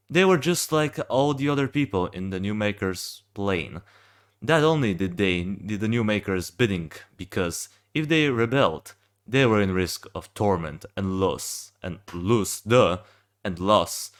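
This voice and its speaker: A young man who just woke up reads a fan-made game backstory aloud, stumbling and restarting often. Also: lowish voice. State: just woken up. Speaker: game fan reviewing a hero design.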